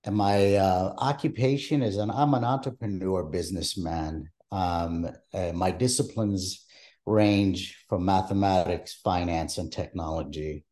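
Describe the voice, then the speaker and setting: Deep, mellow older man from Palestine. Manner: measured, many hesitations. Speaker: interviewee, archive creator. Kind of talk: oral history interview.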